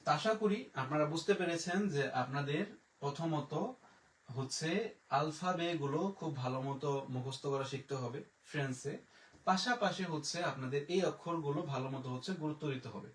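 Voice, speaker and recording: A man teaching a live French lesson, patiently explaining and repeating sounds slowly to demonstrate them. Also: fairly high pitch, distant mic. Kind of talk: live online language lesson. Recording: echoey room, voice a bit off-mic.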